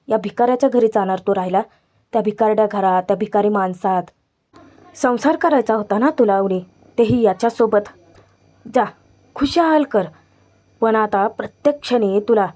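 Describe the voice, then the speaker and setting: A woman reads out a smug young man's lines, mocking and gloating over a rival suitor. The voice stays mellow and fairly high. It comes from a spoken TV serial recap. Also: lightly acted. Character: arrogant taunting young man, rival suitor.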